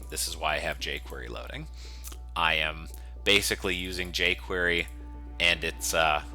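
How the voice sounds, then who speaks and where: Low-pitched and pushed with a bright edge, this man's voice belongs to a software developer giving a coding tutorial. He explains each step casually and methodically, in the loose manner of an unscripted screencast.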